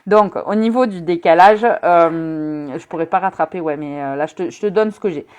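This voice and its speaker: Woman, lowish voice, casual live-stream rune reader, teasing and chatty with viewers, lots of fillers. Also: moderate pace, darkish tone. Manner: frequent hesitation fillers.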